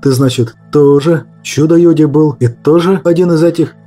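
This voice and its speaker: Guy doing a blunt young cop, lowish, husky, mellow. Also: moderate pace, faint music behind, lightly acted. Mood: demanding. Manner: blunt exasperated speech. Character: young hot-tempered police sergeant.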